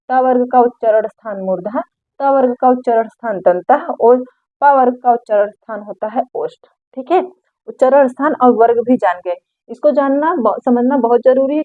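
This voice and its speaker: Lady teacher doing hindi grammar exam prep, kinda high voice, asks then answers herself, sounds like a phone line, dry. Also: no echo. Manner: repeats key terms with call-and-response questions; slows and drops her voice on key terms.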